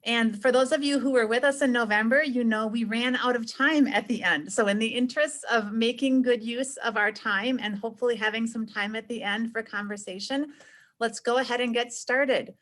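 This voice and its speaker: A woman in her forties hosts an online event and speaks in a measured, polite way. Her voice sits a little high, and it comes through a webcam in an office. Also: fairly bright tone. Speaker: foundation president and host. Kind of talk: scripted welcome remarks. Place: office with a painting behind. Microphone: video call webcam.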